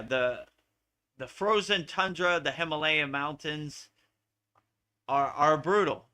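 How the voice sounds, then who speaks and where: Bright-voiced American man teaching yoga. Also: a little high. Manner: earnest, repetitive, preaching. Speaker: spiritual teacher. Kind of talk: live Q&A satsang talk.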